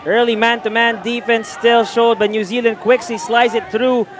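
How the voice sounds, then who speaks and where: Man, play-by-play commentator, very high voice, noisy outdoor recording. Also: steady tone, normal speed. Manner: calls the action, rising when plays happen. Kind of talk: live sports commentary. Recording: loud crowd and outdoor noise behind.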